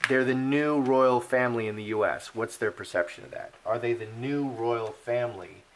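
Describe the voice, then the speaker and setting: Opinionated male card reader, rambling solo talk, mid-pitched voice, many ums and restarts. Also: normal speed, fairly bright tone, a little hiss or hum. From Polish heritage. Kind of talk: casual monologue.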